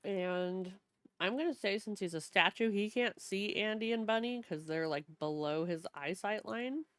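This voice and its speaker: A woman's voice: mid-range voice, moderate pace, clean tone, no echo. A woman running a tabletop game as game master, thinking aloud as she goes.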